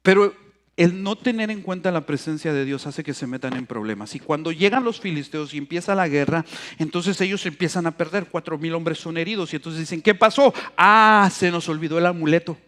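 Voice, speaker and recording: A male pastor preaching a sermon in a church on a handheld microphone, joking in quiet asides and then building to shouted preaching. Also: fairly high pitch, brisk.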